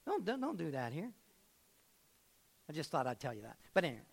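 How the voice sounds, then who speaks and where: A man's voice: on the high side, wildly swooping pitch, fairly quick, gravelly, husky. A man preaching a sermon as pastor in a church, emphatic and repeating phrases, with joking asides. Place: church sanctuary.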